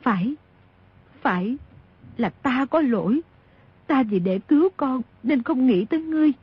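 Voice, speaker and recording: A woman voicing a former courtesan mother who speaks softly, pleading and emotional. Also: high-pitched, lively intonation, measured pace, husky, no room sound, full character voice. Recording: dull lo-fi audio.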